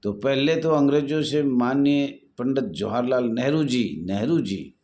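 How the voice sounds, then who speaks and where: A man's voice: medium pitch, moderate pace, darkish tone. A man leading a home guard association, talking earnestly and repetitively to supporters in a live online talk over his phone.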